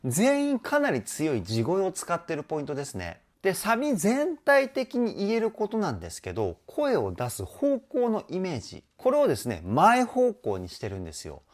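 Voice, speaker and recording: Lively, enthusiastic male vocal coach. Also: high voice, moderate pace, few pauses. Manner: enthusiastic, chatty, often adds ね; sings short snippets to demonstrate. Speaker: vocal trainer. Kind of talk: music video reaction and vocal analysis.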